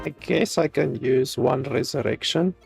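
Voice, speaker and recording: A man's voice: mid-range voice, unhurried, gravelly, over music. A man giving casual gameplay commentary, offhand and swearing freely, sometimes reading game text aloud. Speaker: video game streamer playing and commenting.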